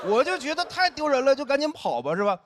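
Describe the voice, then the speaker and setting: A man performing stand-up on a live stage, his high voice swinging widely as he tells self-mocking stories. The recording carries clear background noise. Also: fast talker. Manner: lively self-mocking storytelling, wide swings in pitch. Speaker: stand-up comedian. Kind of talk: stand-up comedy set. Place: stage before a live audience.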